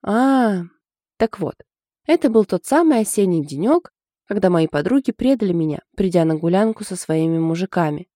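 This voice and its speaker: A woman voicing a sharp-tongued, sarcastic young woman who talks loudly and dramatically in an audiobook. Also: mid-range voice, normal speed, dry recording, studio quality, natural voice. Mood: mock-dramatic. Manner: loud, dramatic, grumbling.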